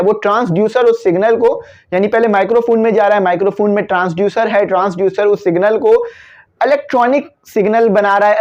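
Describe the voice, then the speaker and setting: Man, Pakistani Urdu accent, physics teacher, homely examples, high-pitched, muffled recording. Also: darkish tone. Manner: explains with homely examples, switches into English for terms. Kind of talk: classroom lecture video. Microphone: cabled microphone.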